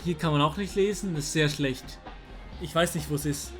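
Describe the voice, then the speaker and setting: A young man, talking casually to his chat while playing a guessing game, excitable and slangy. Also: fairly high pitch, brisk. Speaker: streamer. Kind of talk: casual gameplay commentary. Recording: faint music underneath.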